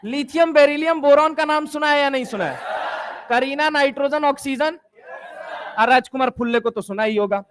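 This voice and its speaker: High-voiced young male chemistry teacher. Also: normal speed, a bit bright. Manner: repetitive call-and-response questioning; jokey, teasing students. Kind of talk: lively classroom lecture. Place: classroom with students.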